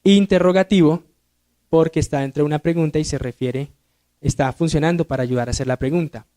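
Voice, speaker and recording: A man's voice: a little high, fairly quick, dark tone. A man, a deacon, teaching a Sunday school grammar lesson, asking the class questions and answering them himself. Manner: reads verses aloud with rising emphasis. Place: church classroom.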